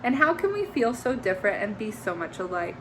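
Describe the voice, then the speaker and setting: A woman's voice: medium pitch, sing-song, brisk, noisy background, close to an everyday voice. A woman voicing an easygoing little bird in a plain storybook reading.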